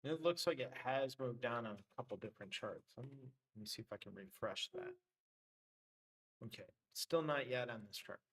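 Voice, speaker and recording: Man, trading stream host, casual thinking-aloud commentary, voice getting worn, middle pitch. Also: very animated, normal speed, fairly bright tone, poor audio. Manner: loose, thinking aloud with many fillers.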